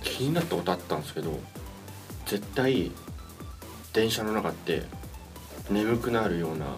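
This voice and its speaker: A man co-hosting a casual podcast chat, talking in a soft and hesitant way. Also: fairly low pitch, lively intonation, moderate pace, over music.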